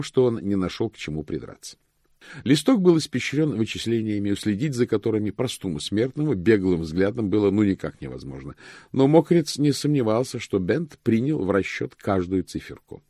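A man narrating an audiobook in a low, measured storytelling voice. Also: mellow, no echo, clean studio sound. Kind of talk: scripted narration.

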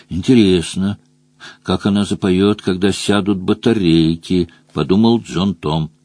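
A man narrating a fantasy novel as an audiobook, reading expressively. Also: no room sound. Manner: expressive reading, pitch rising and dropping with the story.

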